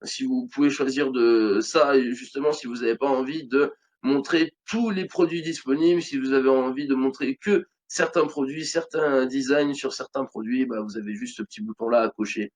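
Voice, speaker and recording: A man's voice: medium pitch, moderate pace, a little mellow. A man in his thirties with a French accent, casually walking viewers through an online selling tutorial, with many fillers and restarts. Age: 30s. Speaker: online business tutorial host. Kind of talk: screen-recorded tutorial walkthrough.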